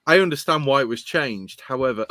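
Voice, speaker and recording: A man's voice: mid-range voice, animated, a little fast, sharp tone, dry recording. A man hosting a podcast live, signing off in a boisterous, rambling, sweary way. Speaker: podcast host. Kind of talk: casual chat, sweary sign-off.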